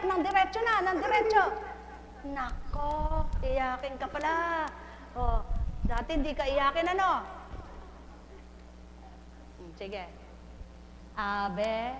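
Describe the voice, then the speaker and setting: A woman's voice: high voice, fairly bright tone. A woman leading a live prayer session, coaxing and urging someone in short repeated phrases and laughing often. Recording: echoey hall from far off.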